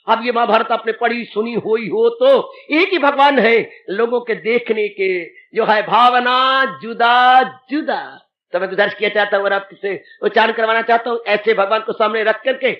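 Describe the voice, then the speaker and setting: Man, spiritual teacher, devotional sermon, animated and exclaiming, very high voice, echoey old hall recording. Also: moderate pace, dull audio. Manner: animated, exclaiming, dramatizes quotes. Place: satsang hall.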